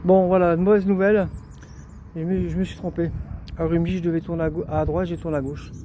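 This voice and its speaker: Male walking vlogger, tired and rambling, high mellow voice, self-filmed outdoors. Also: little pitch movement, fast talker, a little hiss or hum. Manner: chatty, rambling, talks to himself, self-mocking. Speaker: vlogger walking a pilgrimage route. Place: outdoors on a road and path. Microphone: handheld camera while walking.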